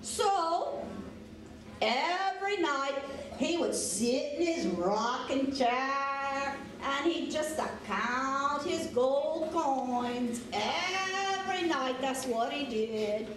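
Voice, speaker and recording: A woman's voice: high voice, expressive, extremely slow, a crowd in the background. A woman with a Cajun Louisiana accent telling folk tales in a theatrical, folksy dialect. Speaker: storyteller. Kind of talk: dramatic folk storytelling. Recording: echoey room, distant mic, noisy background.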